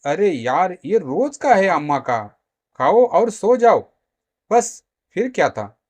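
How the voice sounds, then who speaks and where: A man's voice: fairly high pitch, sing-song, slow, full character voice. A man voicing an easygoing young husband who brushes worries aside in a storybook tale. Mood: dismissive. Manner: offhand, dismissive.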